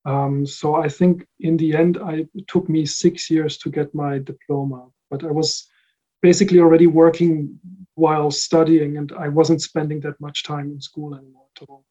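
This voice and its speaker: A man's voice: fairly high pitch, level tone, moderate pace, mellow, lo-fi sound. A man who grew up in the Netherlands, answering interview questions about his work in a casual, thoughtful way with frequent fillers and restarts. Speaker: recording engineer guest.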